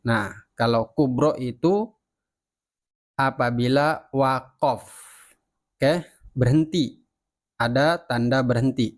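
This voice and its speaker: A man teaches Quran recitation rules at an unhurried pace. He is patient and repeats each example word slowly. His voice sits in a plain middle pitch. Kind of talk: slow step-by-step tajwid lesson.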